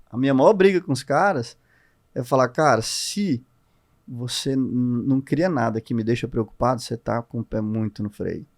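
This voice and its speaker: A man with a Brazilian accent speaks as a podcast guest. His voice sits at an ordinary middle pitch, and he tells his stories and explains his points with lively, expressive energy. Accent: Brazilian Portuguese. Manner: animated, expressive storyteller. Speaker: guest entrepreneur. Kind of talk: casual podcast conversation.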